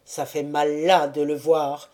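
A woman reading the part of a surly, brooding old male buccaneer gunner, voiced lower and grumbling. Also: flat delivery, slow pace, warm tone. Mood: gruff.

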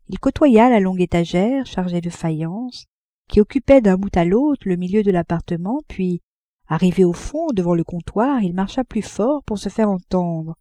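A woman reads a classic novel aloud in a measured, even way. her voice is mellow and warm, and the recording is close and dry with no room in it. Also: fairly low pitch, no room sound. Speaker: audiobook narrator. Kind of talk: scripted narration of a classic novel.

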